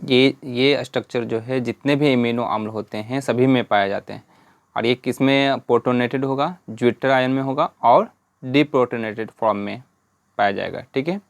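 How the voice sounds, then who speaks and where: A male teacher speaks at a middle pitch, and his voice is close and dry. He is patient and goes through the points one by one, repeating checks like "right?" and "okay?" after each point. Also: moderate pace, creaky, no room sound. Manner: patient, repeats "है ना" and "ठीक है" often; spells out letters and drills lists step by step. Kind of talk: whiteboard lesson.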